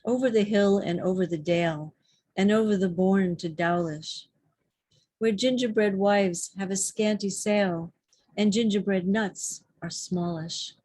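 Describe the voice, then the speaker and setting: Woman, poetry reader, measured recitation, warm dark tone, public library. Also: medium pitch, no room sound. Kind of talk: poetry reading.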